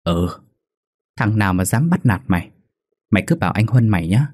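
A poor, tough boy talks gruffly to his little friend, scolding and protecting him, as a man voices him. The voice is low and husky. The sound is dry and close. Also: lively intonation, fairly quick, darkish tone, dry recording. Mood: consoling.

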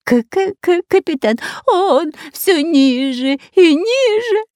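A woman's voice: on the high side, big pitch swings, moderate pace, no echo, clean studio sound, pitched above the performer's own voice. A woman voicing a cowardly, long-nosed male spy in an audiobook, who stutters and whimpers with fear. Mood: panicked. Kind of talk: audiobook character voice.

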